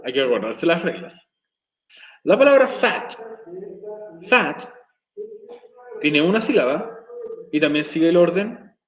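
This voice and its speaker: Man, teacher, slightly high voice, slow repetitive explaining, echoey room. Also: very animated, highs cut off. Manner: slow, repeating explanations step by step. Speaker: English teacher. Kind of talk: recorded video lesson.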